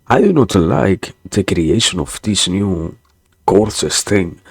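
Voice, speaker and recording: Deep, gravelly, and slightly rough, this young man's voice moves slowly with lively intonation. He's a virtual streamer with a non-native English accent, hesitantly rambling through casual livestream chat, repeating himself and turning wryly sarcastic. The sound is dry and studio quality.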